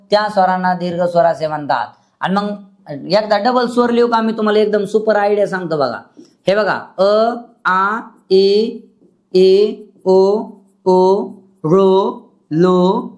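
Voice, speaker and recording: A man teaching a classroom grammar lesson. He chants letter lists in rhythm and keeps drilling his students with questions. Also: high voice.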